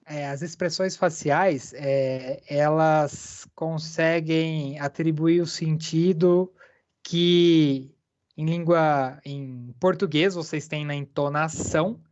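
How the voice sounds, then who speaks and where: An interpreter voicing a deaf lecturer live, speaking haltingly with many filler pauses. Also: mid-range voice, steady tone, darkish tone, muffled recording.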